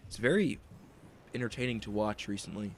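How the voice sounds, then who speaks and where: A man's voice: on the low side, expressive, a little fast, a little hiss or hum. A young man giving play-by-play commentary on a strategy game, speculating on each move as it happens. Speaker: esports caster.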